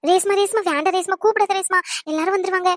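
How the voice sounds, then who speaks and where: A woman's voice: extremely high pitch, steady tone, racing, dry recording. A woman voicing a panicky, pleading old grandmother in a cartoon who keeps begging to be left alone. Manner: pleading, whining. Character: frantic old grandmother hiding a pile of cash.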